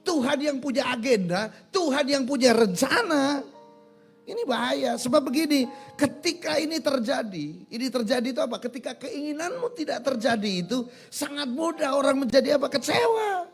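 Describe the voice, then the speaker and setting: A male pastor preaching a sermon in a church, animated, asking the congregation questions and answering them himself. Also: very high voice, moderate pace, faint music behind.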